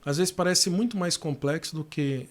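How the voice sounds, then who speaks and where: Chatting as an interview guest, this Brazilian physiotherapy professor from Salvador, Bahia, has a slightly high voice and speaks at normal speed. The conversation is casual, and he recounts his story at ease, using fillers and restarting sentences.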